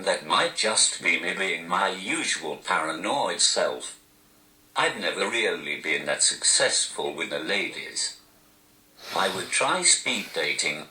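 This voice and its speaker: Through a robotic, posh-sounding speech device, a Newcastle-born stand-up comedian gives interview answers he has typed out. The voice is set very low with wide pitch swings and delivered slowly and deadpan, full of dry self-mockery, while the bright, hard sound echoes around a roomy space.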